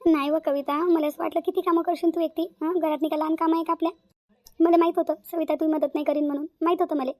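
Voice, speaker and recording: A woman's voice: extremely high pitch, flat delivery, fast, darkish tone, dry recording. A woman voicing an affectionate elder sister-in-law in a cartoon, with a fond, coaxing manner. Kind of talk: cartoon voice acting.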